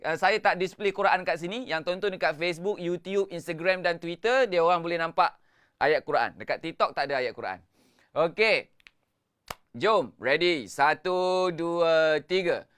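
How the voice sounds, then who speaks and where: A man's voice: on the high side, moderate pace, a bit bright, clear, resonant tone. A Malaysian man teaching Quran recitation live, coaching with repeated instructions, counting in, and chanting the verses melodically. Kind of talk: live-streamed tajwid lesson.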